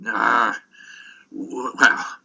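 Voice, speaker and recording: A man voicing a thin, bitter old beggar in a fireside folktale, halting and plaintive. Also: mid-range voice, flat delivery, vocal fry, sharp tone, heavily acted. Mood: bitter, weary. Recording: dull, muffled lo-fi recording.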